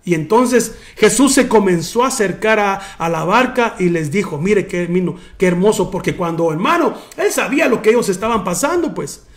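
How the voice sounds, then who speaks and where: A man pastor preaching a sermon, often calling out "brother" and dropping soft and low for emphasis. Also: expressive, moderate pace, hardly any pauses. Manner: preaching with repeated "hermano" and restarts.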